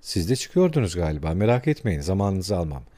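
A man's voice: low voice, big pitch swings, brisk, warm tone. A man reading as a sly, jovial investigator. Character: cunning middle-aged male investigator, jovial and sly.

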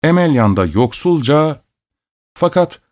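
A man narrating a folk tale in a steady, measured reading voice. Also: a little high.

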